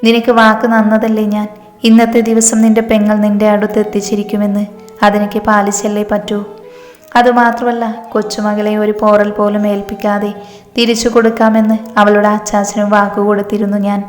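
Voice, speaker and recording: A woman's voice: medium pitch, little pitch movement, fairly quick, natural voice. A woman voicing a determined young man speaking firmly about keeping his promise. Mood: resolute. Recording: echoey reverb with background music.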